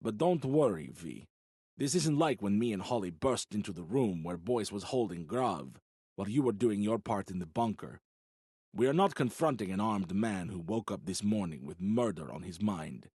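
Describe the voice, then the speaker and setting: A man voicing a deadpan, low-key male character in an audiobook. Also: moderate pace, slightly rough, no echo, clean studio sound. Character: adult man, dry and deadpan.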